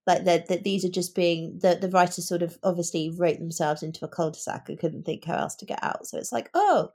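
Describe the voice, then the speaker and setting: A British-accented woman co-hosts a podcast, discussing books casually in an opinionated, conversational way. Her voice is fairly low, brisk, creaky and dark in tone.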